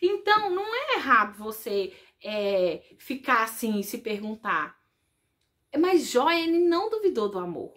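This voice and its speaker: Brazilian woman catechist, high voice, lively talk that speaks directly to her listeners. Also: measured pace. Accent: Brazilian Portuguese. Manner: animated, conversational, addresses listeners as "gente". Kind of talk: religious reflection talk.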